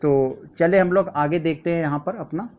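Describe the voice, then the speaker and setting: Male tutor, slightly high voice, patient step-by-step exam explainer. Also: darkish tone. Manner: explains step by step, reads questions aloud slowly. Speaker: teacher. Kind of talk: exam practice lesson.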